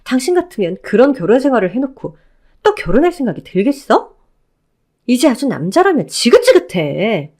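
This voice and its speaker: A woman playing a sharp-tongued divorced woman who answers her ex-husband coldly and with contempt, in a Korean audio drama. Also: on the high side, big pitch swings, brisk. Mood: scornful. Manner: cutting, scornful. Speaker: flight attendant.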